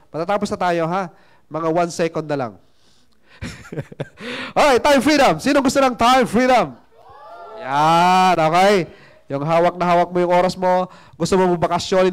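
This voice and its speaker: Casting: male seminar presenter, high voice, playful storyteller. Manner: chatty, playful, asks the audience questions. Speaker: seminar speaker. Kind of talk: motivational seminar talk with storytelling.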